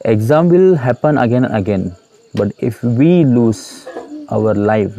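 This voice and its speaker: As a YouTube host, an Indian English-accented man delivers an earnest motivational talk to his students in a warm, creaky, mid-range voice with lively intonation. He's repetitive, full of hesitations and "uh" pauses.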